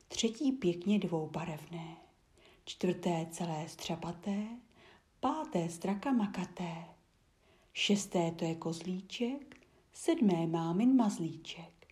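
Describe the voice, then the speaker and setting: A woman whispering a rhyming fairy tale in a soft, rhythmic way. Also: lowish voice. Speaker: storyteller.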